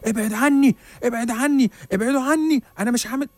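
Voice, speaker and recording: A man's voice: fast, no echo. A man voicing a frightened old man who pleads in panic to be left alone. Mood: panicked. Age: older. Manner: panicked, high-pitched pleading.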